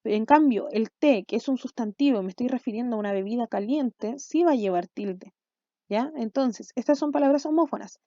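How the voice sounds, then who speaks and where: A woman's voice: fairly high pitch, normal speed, warm tone, no echo, dull audio. Woman teacher explaining grammar. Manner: explanatory, checks in with "¿ya?" and "¿cierto?". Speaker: school language teacher. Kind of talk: recorded video lesson.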